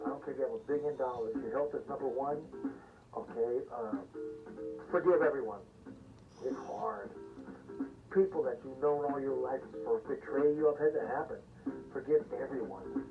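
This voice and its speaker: A man's voice: medium pitch, moderate pace, long pauses. A man in his seventies giving blunt, folksy, rambling advice in a casual monologue. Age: 70s. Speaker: singer-songwriter giving life advice. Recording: tinny phone-like sound from a distance with music behind. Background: music.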